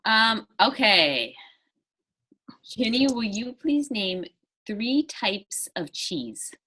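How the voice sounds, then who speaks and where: A woman's voice: fairly high pitch, big pitch swings, very slow, sharp tone, rough recording. A woman acting as quizmaster in a casual game, chatting and reading out challenges. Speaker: host, quizmaster.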